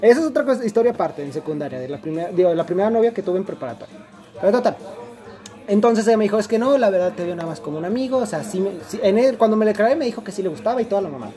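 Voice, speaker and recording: Talking very fast and animatedly, a young Mexican-accented man tells a lengthy personal tale during a casual conversation. His voice is high yet dark in tone, and his storytelling wanders, with lots of slang and frequent restarts.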